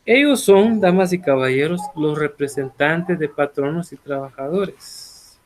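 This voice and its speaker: Guy teaching law online, bit high voice, chatty, keeps asking the class stuff. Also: a little slow, slight background noise. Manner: conversational, asks rhetorical questions, corrects himself. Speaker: law lecturer.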